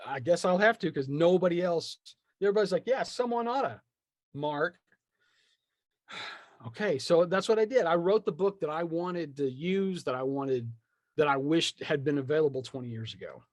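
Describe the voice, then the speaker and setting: A wry man with a voice on the high side chats at a moderate pace, recorded close and dry with no room sound. He's a tabletop game writer appearing as a guest in a casual interview, telling stories animatedly and acting out imagined remarks.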